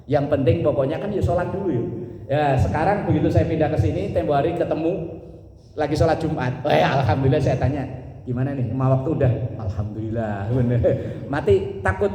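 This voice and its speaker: The voice is a middle-aged man, a little high-pitched but mellow in tone. He tells jokey stories in a mosque sermon, acts out other people's lines and sometimes breaks into sudden loud bursts. The sound rings out with a long, echoing reverb from the hall. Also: a little fast. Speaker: preacher.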